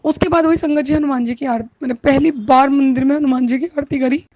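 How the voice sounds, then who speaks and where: A woman's voice: sits high, steady tone, fairly quick, darkish tone, no echo, dull audio. A woman, sharing a heartfelt, tearful devotional testimony. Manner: tearful, heartfelt, mixes Hindi with Punjabi and English words.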